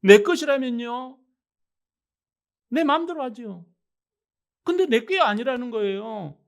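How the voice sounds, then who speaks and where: A man's voice: very high voice, lively intonation, unhurried, creaky. A male pastor preaching a sermon, emphatic, often addressing the congregation with rhetorical questions.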